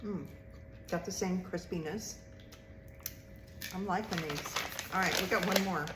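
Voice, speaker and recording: A woman's voice: lowish voice, unhurried. A woman hosting a casual taste-test chat, crunching and chewing snacks as she talks. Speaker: snack review host. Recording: roomy echo, clear background noise with clicks.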